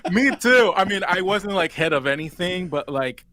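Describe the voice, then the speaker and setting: A high-pitched, bright, forceful voice comes from an animated Puerto Rican man in his twenties with a Spanish accent. He tells his story at normal speed as a casual interview guest, rambling with many fillers, in a dry recording.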